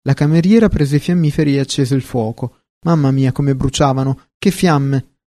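A man narrating a fairy tale in a measured, expressive way, recorded close to the mic. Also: medium pitch, no echo. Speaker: audiobook narrator.

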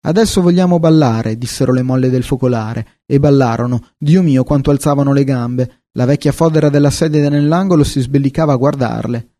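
A man narrating a fairy tale in a measured, expressive way, recorded close to the mic. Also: mid-range voice, no room sound. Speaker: audiobook narrator.

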